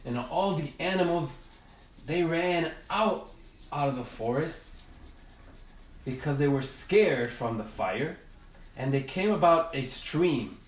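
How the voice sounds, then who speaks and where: A man teaching a drawing class, telling a storybook tale in a gentle, halting way while he draws. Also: fairly high pitch, animated. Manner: gentle, halting, with many restarts. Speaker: art teacher. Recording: roomy, from a distance.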